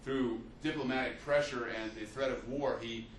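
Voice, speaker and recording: The man's mid-range voice has fairly even intonation and a moderate pace, with some light background noise. As a teacher, he improvises a history lecture told like a story, repeatedly restarting and filling pauses. Sound reflects around an echoey room, picked up by a distant mic.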